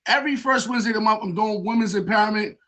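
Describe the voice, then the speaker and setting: Male DJ guest, fairly high voice, upbeat and appreciative. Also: very fast, fairly bright tone. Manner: upbeat, thankful, short replies. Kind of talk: casual livestream chat.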